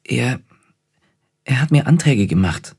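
A shy young noblewoman answers her father softly and hesitantly, as a male storybook narrator reads her. The voice is quiet and husky, kept close to his own. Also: mid-range voice, expressive, normal speed.

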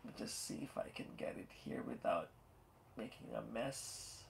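A man in his forties with a stuffed-up, nasal voice hosts a live toy unboxing from a small room at home, rambling and chatting with viewers through plenty of fillers and asides. His voice is medium-pitched, gravelly and lively at a moderate pace. A phone or webcam at arm's length picks up slight background noise.

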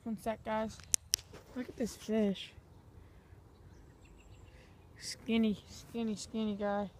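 A woman talks casually into a handheld phone while fishing outdoors, rambling to her viewers in a slightly high voice. Faint nature noise sits behind her speech. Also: little pitch movement, slow pace. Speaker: fishing vlogger. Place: outdoors at a pond bank.

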